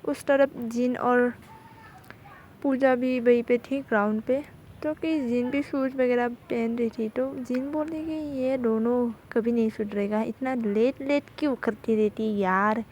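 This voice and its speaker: A woman's voice: on the high side, fairly even intonation, a little slow, a little mellow, highs cut off, a little hiss or hum. A young woman narrating a college love story casually, in a chatty, loose retelling style.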